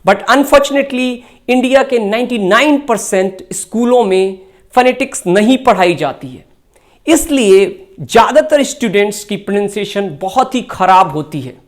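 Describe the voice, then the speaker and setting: Slow, deliberate Indian woman teacher. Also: mid-range voice, animated. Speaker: English teacher. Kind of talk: scripted lesson narration.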